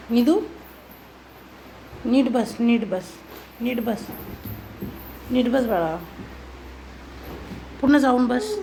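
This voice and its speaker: A woman filming her toddler at home on a phone, patiently repeating gentle instructions to coax the child. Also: a little high, gravelly, slight background noise, low-quality recording. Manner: patient, repetitive, gently coaxing. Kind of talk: coaxing a small child on camera. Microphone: phone camera.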